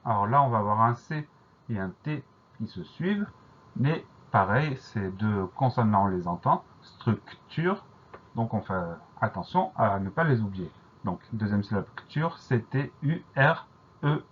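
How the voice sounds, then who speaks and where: A man teaching a dictation lesson, who explains each word slowly and carefully and spells it out letter by letter. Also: lowish voice, animated, husky, lo-fi sound.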